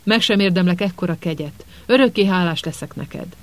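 A man's voice: high-pitched, no echo. A man voicing a sniveling, cowering middle-aged male traitor who whines and pleads. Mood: groveling. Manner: whining, pleading.

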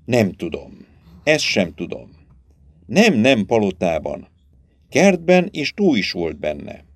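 A man's voice: lowish voice, sing-song, no room sound. A man reading aloud and voicing a frightened young woman who has lost her memory, speaking hesitantly. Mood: fearful, bewildered. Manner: hesitant, fearful, halting.

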